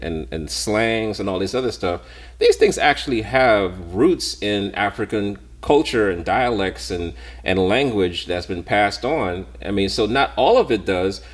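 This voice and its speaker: Deep-voiced man, halting podcast talk. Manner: halting, repeats words while thinking aloud. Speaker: podcast co-host. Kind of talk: casual discussion.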